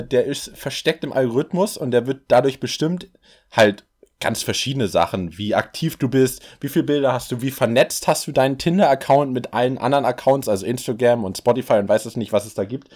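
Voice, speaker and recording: A man chatting on a casual podcast, his pitch sitting in the middle of the male range. He explains things at length, restarts his sentences often and laughs his way through his points. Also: expressive, brisk, a little mellow. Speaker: podcast co-host.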